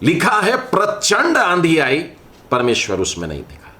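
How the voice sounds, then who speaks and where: A man delivering a sermon at an unhurried, measured pace. His voice sits fairly high for a man, and he poses rhetorical questions to his listeners. He often lets phrases fall away into a hushed tone. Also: huge pitch swings. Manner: slow, deliberate preaching with rhetorical questions. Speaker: preacher.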